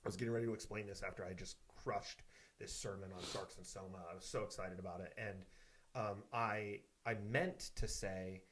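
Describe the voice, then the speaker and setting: A man's voice: sits low, brisk. A man who is a lead pastor, telling funny stories in a casual podcast chat and laughing often. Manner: animated storytelling, laughs often.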